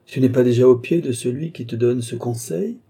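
Man voicing a wily old nobleman, excitable. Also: mid-range voice, fairly quick, slightly rough. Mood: exclaiming. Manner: exclamatory, mocking, rising to sharp outbursts. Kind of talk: audiobook reading of a classic novel.

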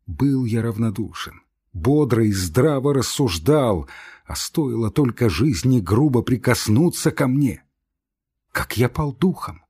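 A man's voice: mid-range voice, darkish tone, slightly rough, exaggerated voice. A man voicing a weary older male doctor, now a patient, who pleads in a trembling voice. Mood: despondent. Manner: pleading, trembling, then desperate.

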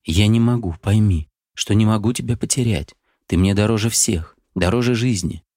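A man's voice: lowish voice, normal speed, a little mellow, dry recording, studio quality, pitched above the performer's own voice. A man reading an audiobook, voicing a passionate, desperate young man who pleads with feeling. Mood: pleading. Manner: pleading, impassioned.

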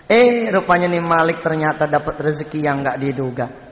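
A man with a Jakarta Betawi accent preaches in a storytelling sermon. His voice sits fairly high and swings between loud, high exclamations and soft asides. A long, roomy hall reverb trails after him. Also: lively intonation, moderate pace, lo-fi sound.

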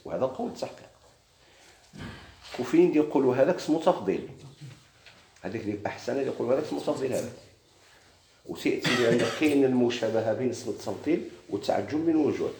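A man with a Moroccan Arabic accent gives a classroom grammar lesson at a brisk clip, firing questions at his students as he goes. His voice rings around an echoey room with a faint hiss behind it. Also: medium pitch, expressive, a little mellow. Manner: explains step by step, quizzing students with questions.

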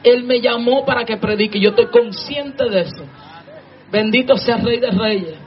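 A woman preacher delivering an impassioned sermon, often shouting. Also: fairly high pitch, normal speed. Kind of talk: fervent sermon. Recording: dull lo-fi sermon recording with music. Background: music playing.

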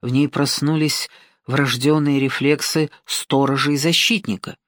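A woman reads a novel aloud as an audiobook narrator. Her delivery is steady and even-paced, with a wry touch on the asides. The recording is close and dry, with no room sound. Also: very deep voice, a little slow, no room sound.

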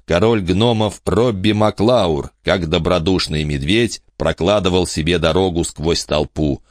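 A man narrating a storybook in an expressive reading style, voicing many characters. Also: low voice, unhurried, no room sound, studio quality. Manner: expressive reader doing many voices. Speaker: audiobook narrator.

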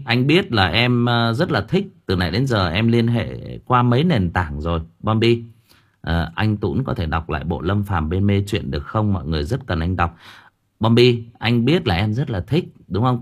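A man chatting casually with his audience on a livestream, rambling with frequent hesitations and repeated words. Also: on the low side. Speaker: audiobook reader chatting with listeners on a livestream.

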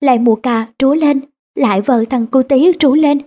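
Woman, high voice, storyteller, scripted narration, steady even reading. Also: measured pace.

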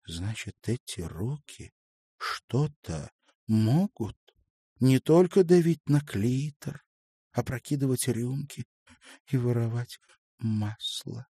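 A man voicing a young woman who is a new factory worker, emotional and eager, in a raised breathy voice. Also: mid-range voice, animated, takes it slowly, warm tone, no room sound, studio quality, pitched above the performer's own voice, heavily acted. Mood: tearful.

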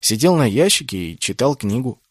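An earnest young mage-warrior, troubled and a little hesitant, voiced slightly above the reader's low tone, as a male narrator plays him. The audiobook is recorded dry and close. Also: very animated, moderate pace, breathy edge, no room sound. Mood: puzzled.

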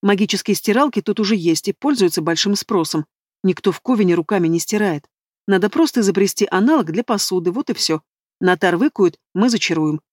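A woman narrates a first-person novel at a medium pitch, steady and even in her storytelling. The recording is dry and close, with no room sound. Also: fairly quick, no room sound. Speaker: audiobook narrator.

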